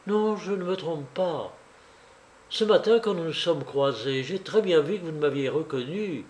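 A man's voice: fairly high pitch, expressive, moderate pace, a little mellow, close to an everyday voice. A male reader voicing an agitated young society woman who pleads and reproaches urgently, in a spoken novel reading. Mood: reproachful.

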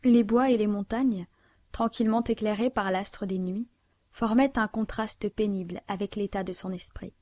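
A woman reads a classic novel aloud at a measured, steady pace. Her voice is mellow and warm. The sound is dry and close to the mic. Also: mid-range voice, no room sound. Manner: measured, even literary reading. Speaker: audiobook narrator. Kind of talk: scripted narration of a classic novel.

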